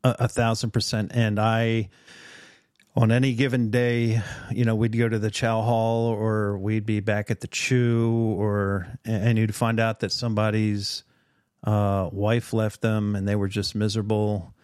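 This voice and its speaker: An earnest middle-aged man talks through a casual podcast conversation, pausing often on fillers as he reflects. His voice sits a little low. The sound is close and dry. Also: level tone, darkish tone, clear, resonant tone, no echo. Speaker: podcast host.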